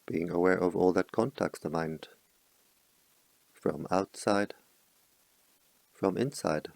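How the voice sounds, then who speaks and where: Calm, short instructions from a male meditation teacher arrive slowly and gently, with long gaps between them. His voice is deep and full of gravelly fry, and the close, dry recording has no room sound.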